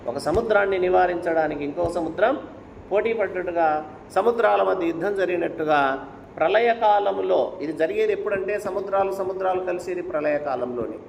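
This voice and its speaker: A man's voice: sits high, a little fast, creaky, slight background noise. A man giving a devotional discourse and telling a sacred story, urging listeners with rhetorical questions. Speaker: spiritual speaker. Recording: echoey hall with faint ambience.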